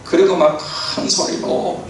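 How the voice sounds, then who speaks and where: A man's voice: measured pace, slight background noise. A man preaching a sermon as pastor in a church, in a conversational way with many fillers and affirmations. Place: church sanctuary. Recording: echoey church hall from far off.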